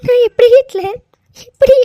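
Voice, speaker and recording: A woman voicing a very high, gentle heroine. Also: normal speed, no room sound, clean studio sound. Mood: pleading. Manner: soft, pleading, tearful, calls him Hitler fondly. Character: gentle forgiving young woman, injured and bedridden. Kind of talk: cartoon voice dubbing.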